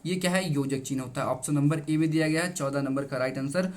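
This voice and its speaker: A man's voice: fairly high pitch, quick pace. Emphatic male teacher. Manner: repeats each answer, keeps addressing the students; emphatic, reassuring. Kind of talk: exam answer-key explanation.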